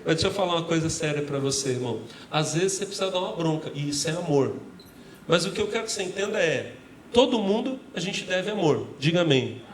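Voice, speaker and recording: A man's voice: fairly high pitch, fast, roomy sound, slight background noise, poor audio. A man with a Brazilian Portuguese accent preaching a sermon as pastor, calling out to the congregation and joking with them between points. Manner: lively call-and-response with the congregation, joking asides. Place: church.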